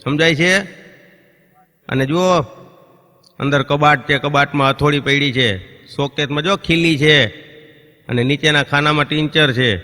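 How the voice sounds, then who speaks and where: A male comic with a fairly high, sharp-toned voice does a folk stand-up routine on stage. He narrates stories and briefly takes on the voices of neighbours and children, while the hall adds a long reverb.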